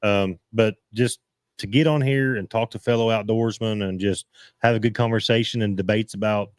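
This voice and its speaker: Rambling low-voiced man host. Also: fairly even intonation, clear, resonant tone, no echo, clean studio sound. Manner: rambling, halting, restarts sentences. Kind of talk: casual live-stream chat.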